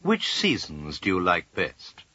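A man's voice: sits low, huge pitch swings, slow pace, sharp tone, slight background noise. A man asking scripted questions in a language-course dialogue. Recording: dull lo-fi audio.

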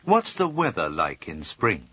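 A man's voice: sits low, huge pitch swings, a little slow, sharp tone, breathy edge, no room sound. A man asking scripted questions in a language-course dialogue. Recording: dull lo-fi audio.

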